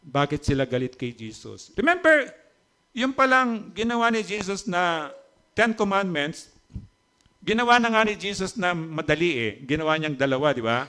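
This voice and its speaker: A man's voice: high voice, sing-song, normal speed, sharp tone, smooth. A man from the Philippines preaching a sermon as pastor, talking in a chatty way and often asking the congregation questions. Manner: conversational, teasing asides to the congregation; switches between Tagalog and English. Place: church.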